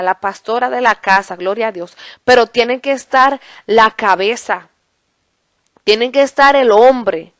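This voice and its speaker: A woman preaching a fervent sermon. She fills it with shouts of praise and sometimes breaks into speaking in tongues. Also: fairly high pitch, clear, resonant tone, no echo. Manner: fervent, peppered with "hallelujah" and "glory to God".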